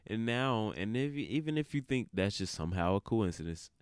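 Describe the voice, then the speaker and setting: A man giving casual, opinionated commentary as a video creator, colloquial and full of halting asides. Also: fairly low pitch, lively intonation, clean tone, no echo, studio quality.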